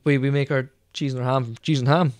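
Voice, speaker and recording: A man with a smooth, clear voice chats loosely on a podcast, wandering through his points with plenty of ums and likes. The sound is dry and close, with no room around it. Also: medium pitch, fairly even intonation, fast talker, a little mellow, no echo. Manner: rambling, hesitant, many fillers. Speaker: podcast co-host. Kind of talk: casual chat.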